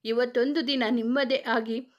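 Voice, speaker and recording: A woman's voice: a little high, fairly even intonation, normal speed, dull audio, close to an everyday voice. A woman voicing a taunting vengeful ghost woman. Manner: taunting, mocking.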